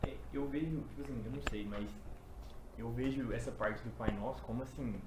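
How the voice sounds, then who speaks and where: A man's voice: medium pitch, fairly even intonation, brisk, noisy background. A man with a Brazilian accent, a participant in a study group, shares his view hesitantly and thinks aloud with fillers.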